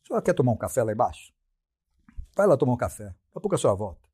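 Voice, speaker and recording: A man's voice: mid-range voice, very animated, rapid-fire, dark tone, breathy edge. A middle-aged man with a Brazilian Portuguese accent, a podcast guest telling stories in a blunt, slangy way and acting out his own quoted lines. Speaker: podcast guest, sports science professor. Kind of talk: casual storytelling.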